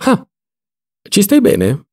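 A man's voice: high voice, huge pitch swings, extremely slow, a little mellow, voice pushed up, exaggerated voice. A man putting on Don Lollò, a hot-tempered landowner. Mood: scolding. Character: irascible rich male landowner, quick to shout.

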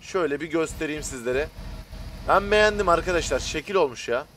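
A man speaking with a Turkish accent, giving casual, excitable gameplay commentary and chatting to his viewers as friends. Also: fairly high pitch, brisk, a little hiss or hum. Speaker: gaming YouTuber.

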